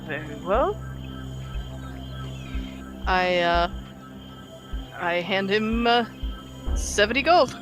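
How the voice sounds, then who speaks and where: A woman's voice: medium pitch, slow, long pauses. Woman, tabletop player, casual chat, music behind.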